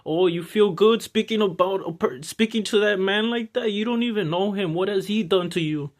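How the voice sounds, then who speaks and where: A man's voice: high voice, normal speed, voice pushed up, natural voice. Man voicing a scolding, indignant woman onlooker. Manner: reproachful.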